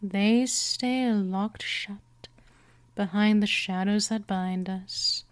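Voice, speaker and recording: A woman with a mid-range voice plays a gentle yet dominant vampire mistress in a scripted hypnosis ASMR roleplay. She is soothing and teasing, often slipping into whispers.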